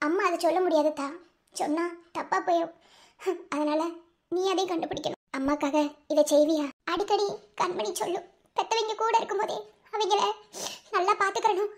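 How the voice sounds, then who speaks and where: A performer voicing a dead mother who speaks gently and pleadingly to her daughter in a dream, with a Madurai Tamil accent. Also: extremely high pitch.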